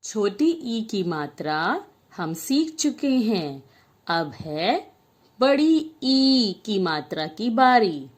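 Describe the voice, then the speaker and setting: A woman teacher takes young children through a spelling lesson at a very slow pace. She speaks one word at a time and draws each one out so the children can repeat it after her. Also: mid-range voice. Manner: slow, drawn-out word-by-word dictation.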